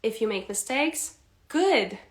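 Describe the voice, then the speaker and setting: Teaching English live, this young woman from Poland speaks to her audience directly, chatting in a lively way and laughing a lot. Polish is her native language. Her voice is a little high, and the room echoes around her.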